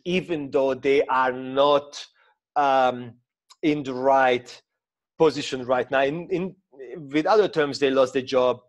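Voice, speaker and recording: A man in his thirties from Hungary with a Hungarian accent, explaining mindset ideas in an informal talk while sharing his screen, hesitant with many fillers and restarts. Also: medium pitch. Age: 30s. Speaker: mindset coach.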